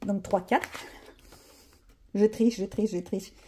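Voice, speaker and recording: A woman's voice: mid-range voice, fairly even intonation, slow pace, mellow, breathy edge. A woman chatting casually to her viewers while she colors, thinking aloud and joking about herself. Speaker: coloring vlogger.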